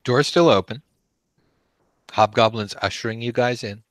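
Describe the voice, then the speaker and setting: A man narrating a tabletop game as game master, haltingly, searching for his words as he improvises. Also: mid-range voice, no echo. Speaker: game master, host of the live play.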